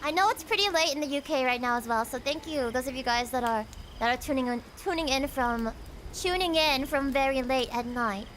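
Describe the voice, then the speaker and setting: Bubbly high-voiced woman streamer. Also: quick pace, fairly bright tone, a little hiss or hum. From United States. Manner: bubbly, giggly, reads and greets chat. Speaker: VTuber streamer and singer. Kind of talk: casual livestream chat.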